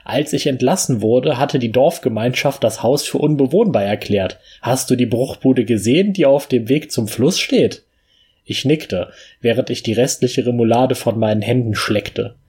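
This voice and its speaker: A man reading a story aloud, acting out the shouted lines in the dialogue. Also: mid-range voice, normal speed, breathy edge. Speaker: reader.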